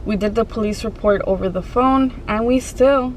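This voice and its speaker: A woman vlogger telling a personal story to her viewers in a casual, conversational way, pausing and restarting as she goes. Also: on the high side, slight background noise, low-quality recording.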